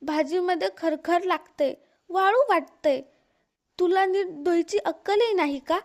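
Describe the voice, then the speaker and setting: A scolding young sister-in-law from a storybook, read out by a woman. She accuses and taunts, her voice pitched very high. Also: a little slow.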